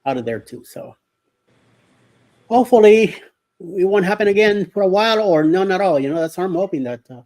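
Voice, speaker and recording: A man's voice: sits high, expressive, brisk, long pauses, a little mellow. A middle-aged man from Miami hosting a casual live stream, rambling with lots of hesitations and greeting viewers by name. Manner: rambling, hesitant with many fillers.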